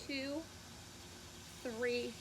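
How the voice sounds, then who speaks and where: Higher-voiced woman coaching a workout amid cicadas. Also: steady tone, extremely slow. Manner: encouraging, cueing moves step by step. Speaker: fitness instructor. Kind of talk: instructional workout coaching with counting. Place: outdoors. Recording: clearly noisy, loud cicadas outdoors. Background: loud buzzing cicadas.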